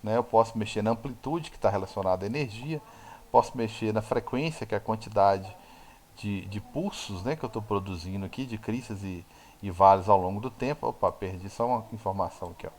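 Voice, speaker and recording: A man's voice: on the low side, a little fast, a little mellow. A man with a Brazilian Portuguese accent teaching a recorded physics lab lesson in a chatty way, correcting himself and checking in with listeners as he explains. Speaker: physics lecturer.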